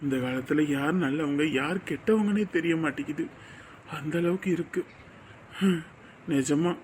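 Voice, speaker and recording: An actor playing a steady middle-aged husband who comforts his wife in a calm, gentle voice. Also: on the high side, slight background noise, natural voice. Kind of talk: TV drama acting.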